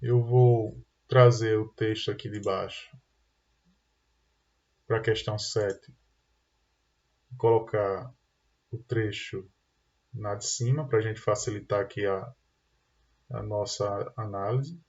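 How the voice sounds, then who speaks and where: A man's voice: lowish voice, steady tone, slow, long pauses, a little mellow. A man with a Brazilian Portuguese accent teaching an online exam-prep lesson, explaining step by step and often checking in with "tá?" and "né?". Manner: explanatory, tag questions "tá?" and "né?". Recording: dull lo-fi sound.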